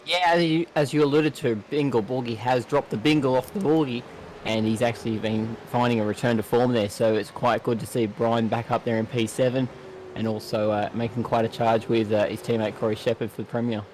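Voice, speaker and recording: A man's voice: mid-range voice, fairly even intonation, a little fast, a little mellow, a little hiss or hum, low-quality recording. A man, easygoing and jokey as a race co-commentator.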